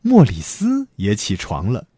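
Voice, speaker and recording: A man reads a children's picture book aloud, and his voice leaps up and down very expressively. His tone is mellow and a little husky. The recording is close and dry, with no room echo. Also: fairly low pitch, a little slow. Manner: lively, warm storyteller's delivery. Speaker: storyteller. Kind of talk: children's story reading.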